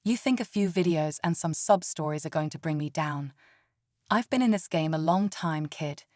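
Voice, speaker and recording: A woman's voice: sits low, lively intonation, normal speed, darkish tone, dry recording, studio quality. A woman voicing a stern, smug male police officer who talks with casual menace.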